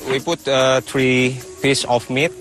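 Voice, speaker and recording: A man in a nature documentary explaining his field work outdoors in simple, halting phrases. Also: mid-range voice, level tone, music in the background.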